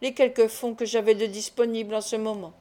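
A woman's voice: on the high side, flat delivery, dark tone, close to an everyday voice. A woman reading the lines of a cold, reserved male count in an audiobook. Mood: cool. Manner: cold, measured.

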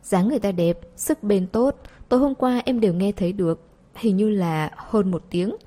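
A woman's voice: mid-range voice, normal speed, mellow, lightly acted. A woman voicing a petulant young girlfriend nagging her boyfriend in an audiobook.

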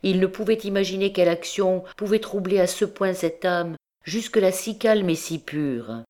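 A woman narrating a classic novel as an audiobook in a measured, deliberate way. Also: lowish voice, mellow. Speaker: audiobook reader.

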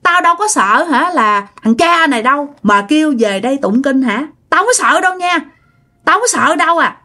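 Lady doing a possessed granny, shrieking way up high, cursing everyone out. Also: very animated, a little slow, fairly bright tone, full character voice. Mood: scolding. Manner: shrill, scolding, foul-mouthed. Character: possessed old woman, cursing spirit inside.

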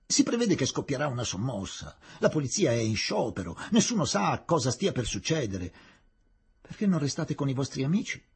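A man reading the lines of a brusque, impatient Englishman in a husky, lively voice. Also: medium pitch, moderate pace, heavily acted. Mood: urgent.

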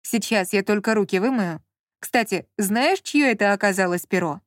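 A woman reading an audiobook, voicing an easygoing, puzzled grown man in a mild, unhurried way. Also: mid-range voice, no echo, studio quality, close to an everyday voice.

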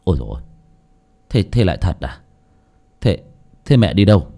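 A man voicing a stingy rich husband in an audio story, gruff and stammering in confusion. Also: low voice, sing-song, brisk, warm tone, exaggerated voice. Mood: bewildered.

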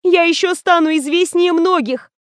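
A woman's voice: expressive, normal speed, darkish tone, no echo, clean studio sound. A woman voicing a clingy young actress in an audiobook, pleading and tearful. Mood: distraught. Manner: high, imploring, breathless pleas.

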